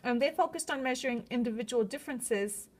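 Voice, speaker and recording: A woman speaks in a fairly high voice with a slight lisp, the sound of someone still getting used to talking with braces. She delivers a prepared student presentation, moving through her points in a semi-scripted, explanatory way. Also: fairly quick.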